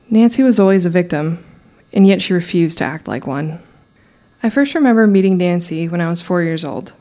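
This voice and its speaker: Woman acting as young female true crime podcast narrator, lower-pitched voice, measured delivery, solemn scripted storytelling. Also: a little mellow, close to an everyday voice. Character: young woman podcaster recounting her murdered cousin's case.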